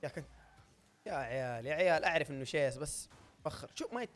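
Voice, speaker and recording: Rapid-fire excitable gamer guy. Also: fairly high pitch. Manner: loud, shouting and laughing at his own plays. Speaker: gaming YouTuber. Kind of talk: excitable gameplay commentary.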